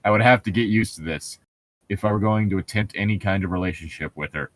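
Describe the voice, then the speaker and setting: With a lowish, fairly bright voice and a quick pace, a man reads from a novel and rambles through commentary as co-host of a casual book-reading podcast, swearing casually. There's no room sound at all.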